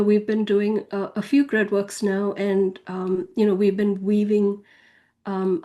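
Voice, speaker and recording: A woman with a mellow, warm voice tells her personal spiritual story. She talks in a loose, conversational way and leans on fillers. Now and then she lifts her voice to act out what others said. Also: medium pitch. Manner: chatty, loose, full of fillers like "you know" and "if you will"; acts out quoted speech with a raised voice. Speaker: spiritual author and channel guest.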